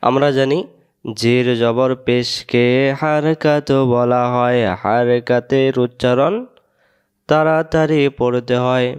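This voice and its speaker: Man, Bangladeshi Bengali accent, Quran teacher, very slow drilling lesson, smooth clear voice, repeats sounds for the class. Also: medium pitch, fairly even intonation. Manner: repeats sounds and asks the class to say them back.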